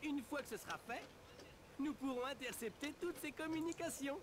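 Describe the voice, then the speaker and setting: A man's voice: very high-pitched, moderate pace. A man voicing a brainy young male cartoon turtle in a video game, giving a precise, fussy, earnest mission briefing. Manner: fussy, articulate, instructional briefing. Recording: game audio with clear background noise.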